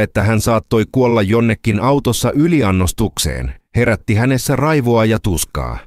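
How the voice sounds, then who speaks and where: A man narrating a scripted dramatic story in a lively, storytelling manner. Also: mid-range voice, no room sound, studio quality.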